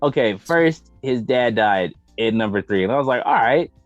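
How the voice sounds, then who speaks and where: An American podcast host with an expressive, mid-range voice talks at a normal speed in a casual chat about entertainment. He's emphatic, slangy, profane, and opinionated. The audio is dull, lo-fi, and roomy, with faint music behind him.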